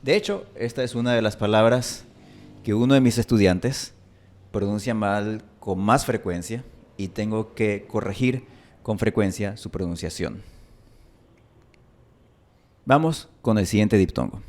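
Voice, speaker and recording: A man teaching pronunciation, explaining sounds calmly and repeating example sounds slowly to demonstrate them. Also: fairly low pitch. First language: Spanish. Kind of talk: slow explanatory lesson.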